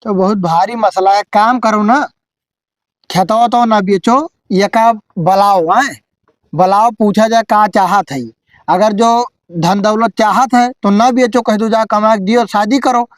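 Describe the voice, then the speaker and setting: A man's voice: high voice, fairly even intonation, measured pace, no echo. A man playing a blunt, bossy village headman who hands out advice in an Awadhi accent in an amateur comedy sketch. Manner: blunt, advising.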